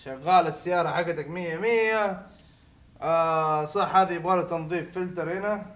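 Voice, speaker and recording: High-voiced man joking through a game. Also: a little fast. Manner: playful, teasing, bursts into laughter and shouting. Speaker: gaming video host. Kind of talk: joking let's-play commentary.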